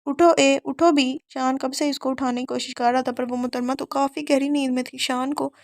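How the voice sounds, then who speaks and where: High-voiced woman reading a novel. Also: dry recording, studio quality. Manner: steady storytelling. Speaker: audiobook narrator. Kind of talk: novel narration.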